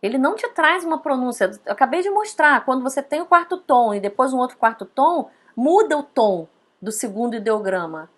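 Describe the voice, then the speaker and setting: A woman teaching a casual online lesson, chatty, often tagging her points with quick questions. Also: sits high, expressive, a bit bright. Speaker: Mandarin teacher.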